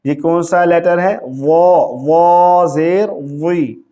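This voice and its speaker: Slow, chanting male recitation teacher. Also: a little high, fairly even intonation, mellow. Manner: recites each word slowly and repeats it, then explains in plain speech; melodic chanted recitation between brief spoken instructions. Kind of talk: slow step-by-step recitation lesson.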